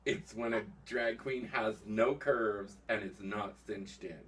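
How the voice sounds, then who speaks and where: A man's voice: lowish voice, steady tone, takes it slowly, far from the mic. A man hosting a casual chat show, playful and teasing, laughing often. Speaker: host.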